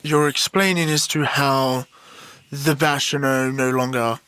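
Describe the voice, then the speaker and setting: A man playing a tabletop game, calmly stating what his character does and says. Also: mid-range voice, a little slow, clean tone, no room sound. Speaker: player. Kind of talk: tabletop role-play.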